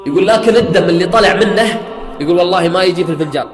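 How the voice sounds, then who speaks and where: High, fast man telling a sermon story. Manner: retells an eyewitness account, swearing oaths, rising to near-singing emphasis. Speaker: preacher. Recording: echoey hall with faint music.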